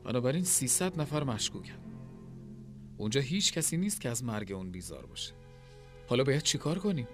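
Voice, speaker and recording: A man's voice: medium pitch, sing-song, soft background music. A man voicing a complaining, money-minded innkeeper who talks defensively. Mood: worried.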